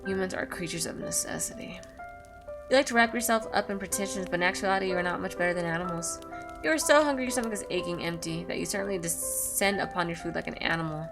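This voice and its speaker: A gaming YouTuber reads a visual novel aloud, breaking between passages with casual, blunt, sweary reactions. She has a fairly low-pitched voice and talks fast, with music in the background.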